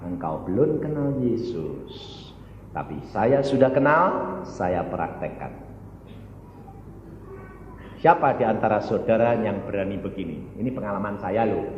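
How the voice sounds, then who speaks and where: A male evangelist preaching a sermon, often firing questions at the congregation and swinging between loud and soft. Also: on the low side, sing-song, measured pace, pauses often, a little hiss or hum. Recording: echoey hall, dull lo-fi sound.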